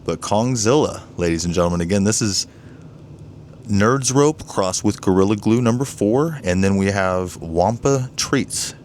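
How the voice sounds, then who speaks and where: Eager deep-voiced man showing his grow tents. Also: measured pace, a little hiss or hum. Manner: enthusiastic, keeps saying "ladies and gentlemen". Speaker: home grower vlogger. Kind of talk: casual show-and-tell vlog. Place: indoors beside grow tents.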